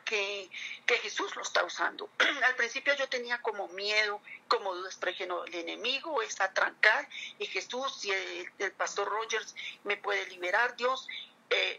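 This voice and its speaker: Raspy, bright-voiced middle-aged woman testifying. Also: medium pitch, rough recording. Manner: earnest, emotional, keeps addressing the pastor. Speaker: church member giving testimony to a pastor. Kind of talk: personal religious testimony.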